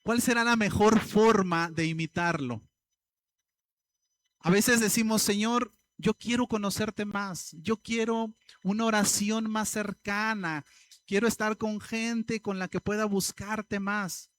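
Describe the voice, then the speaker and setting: High-voiced preaching pastor. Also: male voice, fairly even intonation, slow, a bit bright. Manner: preaching with rhetorical questions, addressing the congregation. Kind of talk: sermon.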